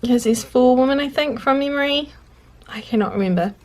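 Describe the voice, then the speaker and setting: Her voice sits high and a little mellow, and she speaks a little fast. She's a congested, sniffly journaling vlogger chatting aloud as she works, rambling, breaking off her own sentences, and talking to herself, with faint clicking and background noise in the recording.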